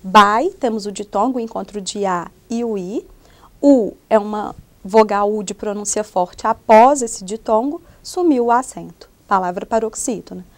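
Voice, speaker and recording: A woman's voice: medium pitch, moderate pace. A young adult woman from Brazil with a Brazilian Portuguese accent, presenting a lesson in an explanatory way with frequent hesitation fillers. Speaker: student presenter. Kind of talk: recorded classroom lesson.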